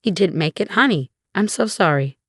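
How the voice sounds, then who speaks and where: A woman's voice: on the low side, animated, moderate pace, a bit bright, husky, dry recording, clean studio sound. A woman voicing an aunt breaking terrible news in a shaky, choked way in a story. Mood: grieving.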